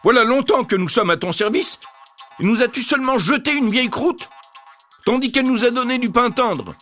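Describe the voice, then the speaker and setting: A man's voice: very high voice, expressive, moderate pace, bright, forceful tone, faint music behind, voice pushed up, heavily acted. A man voicing whining starving dogs. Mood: aggrieved. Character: two starving guard dogs, aggrieved.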